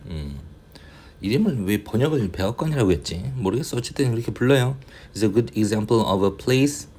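A male English tutor going through a reading passage, reading the English slowly and explaining in quick asides, often muttering and grumbling to himself. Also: on the low side, animated, darkish tone, a little hiss or hum. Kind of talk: casual reading-passage lecture.

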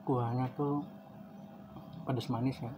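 Man talking while chewing, flat voice. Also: mid-range voice, noisy background. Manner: talks straight to viewers, casual slang. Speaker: mukbang vlogger. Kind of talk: casual eating vlog chat.

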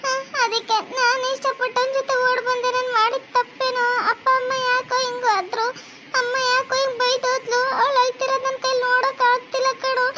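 A very high, squeaky cartoon voice of a weepy young village bride, pleading in a North Karnataka accent. A faint hiss sits behind her, and her voice stays high and piping throughout. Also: flat delivery, brisk, sharp tone, poor audio. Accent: North Karnataka Kannada.

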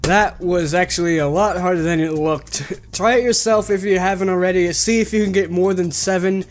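A man's voice: sits high, steady tone, moderate pace, faint music behind. A young man chatting casually to camera as a vlogger, into a desktop mic in a small room. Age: young adult. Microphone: desktop condenser mic, close.

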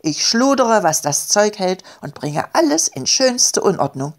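A woman's voice: medium pitch, sing-song, unhurried, pitched above the performer's own voice. Woman voicing a cheeky blue mess creature. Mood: indignant. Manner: indignant, mischievous, whiny.

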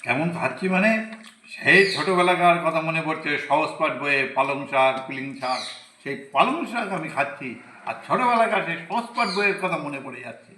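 A man talks about his food at the table, unhurried and playful. His tone is bright and forceful, and his voice sits a little high. The room sounds echoey, with a faint hiss. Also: animated. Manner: slow, savoring, fond of jokes. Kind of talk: casual chat while eating.

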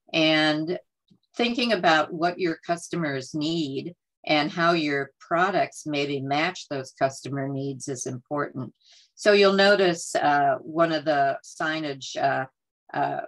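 Low-voiced woman presenting a webinar. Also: poor audio. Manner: frequent fillers, conversational and earnest. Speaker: workshop presenter. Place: home or office on a video call. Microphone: computer mic on a video call.

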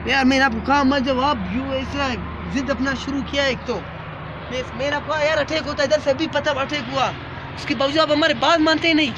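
Nervous man on a mountain vlog, high-pitched, scolding, noisy outdoors. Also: steady tone, fairly quick, dull audio. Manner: anxious, pleading, scolding. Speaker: vlogger exploring a mountain cave. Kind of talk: casual ghost-hunting vlog chat.

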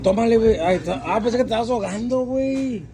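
High-pitched Mexican man teasing in slang. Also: quick pace. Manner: teasing, egging on. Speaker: host filming a food challenge. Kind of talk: casual chat with slang. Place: indoor grocery store. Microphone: phone at arm's length. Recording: busy store with crowd noise.

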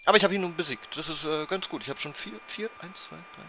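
A man commentating a blind playthrough of a video game, excitable and prone to frustrated outbursts and swearing. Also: fairly high pitch, quick pace, a little hiss or hum. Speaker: let's player. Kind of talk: blind let's play commentary.

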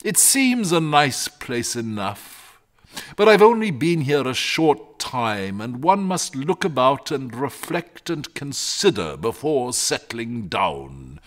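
A man voicing a lazy, genial, talkative male dragon who rambles in fussy, old-fashioned gentlemanly phrases in a storybook reading. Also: medium pitch, very animated, takes it slowly, voice pushed up. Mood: chatty.

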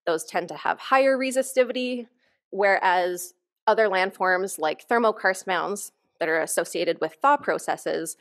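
A woman researcher giving a conference keynote from a lectern, explaining her work in an enthusiastic, informal way. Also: mid-range voice. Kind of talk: conference presentation. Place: conference hall stage, at a lectern.

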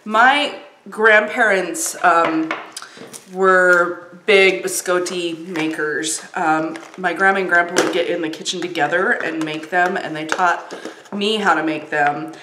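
A woman's voice: lowish voice, takes it slowly, background noise. A woman chatting casually while reviewing and tasting snacks, with lots of ums. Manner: chatty, warm, frequent ums. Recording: roomy echo.

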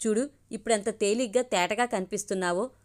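Woman reading a kind young male colleague, gentle and soothing, audiobook. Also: medium pitch, fairly quick, natural voice. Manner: gentle, reassuring.

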